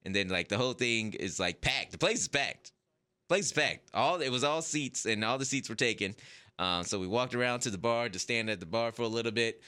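A man hosting a podcast, telling a story in a casual, animated way, laughing often and putting on whispers as he goes. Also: mid-range voice, a little fast. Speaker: podcast host.

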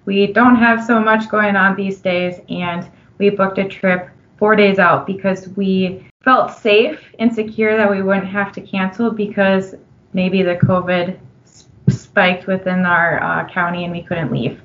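A woman's voice: mid-range voice, steady tone, a little slow, a bit bright, lo-fi sound. A woman with a Minnesotan accent, a friendly, upbeat analyst guest in a casual interview who laughs easily.

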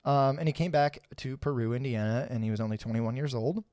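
Male podcast co-host, mid-pitched, casual and jokey, dry studio sound. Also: brisk, a little mellow, dry recording. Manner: laid-back, laughs often, swears casually.

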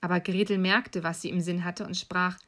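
A woman calmly and evenly reading a fairy tale aloud as a storyteller. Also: lowish voice, normal speed.

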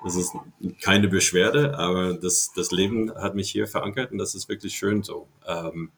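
A man's voice: low-pitched, fairly even intonation, moderate pace, a bit bright, a little hiss or hum. An older man from Ohio, a native English speaker with an American accent, talking hesitantly as a podcast guest with many fillers. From Ohio, USA. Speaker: podcast guest, baseball veteran. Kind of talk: casual interview talk.

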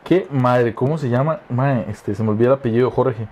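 A Costa Rican man, a comedian guest, in animated casual chat, swearing freely. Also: mid-range voice, fairly quick, a little hiss or hum. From Costa Rica.

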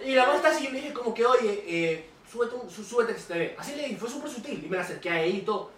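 Fast, high-voiced young man. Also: roomy sound, far from the mic, a little hiss or hum. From Ecuador. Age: young adult. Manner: animated storytelling. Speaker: podcast host. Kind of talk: casual chat.

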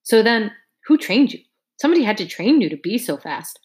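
A woman's voice: a little high, big pitch swings, brisk, a little mellow, voice pushed up. A woman voicing a brash, pushy male track coach in an audiobook, firing off persuasive questions. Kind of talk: audiobook character voice.

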